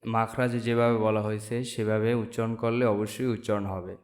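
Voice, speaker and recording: A man from Bangladesh teaching the Arabic letters in a slow lesson, saying each sound and repeating it for viewers. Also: lowish voice, level tone. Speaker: Quran teacher. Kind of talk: slow step-by-step alphabet lesson.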